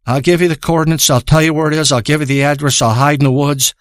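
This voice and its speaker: A man voicing a bitter, jilted man who keeps pleading for revenge in a low, gruff voice. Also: fairly even intonation, fast, no room sound, studio quality, close to an everyday voice.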